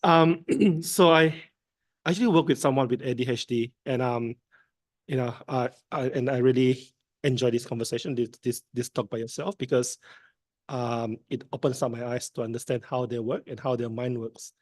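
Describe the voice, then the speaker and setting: A man's voice: mid-range voice, fairly even intonation, moderate pace, dry recording. Earnest man speaking up from the audience. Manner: earnest, repeating words. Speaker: audience member. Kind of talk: audience comment.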